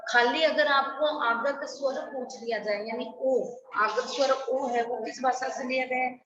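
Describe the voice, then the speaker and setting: A woman's voice: high-pitched, fairly even intonation, unhurried, background noise. A middle-aged woman teacher giving an online class, drilling correct spellings by contrasting wrong and right forms and asking questions she then answers herself. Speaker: school Hindi teacher. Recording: echoey, distant, dull online class audio.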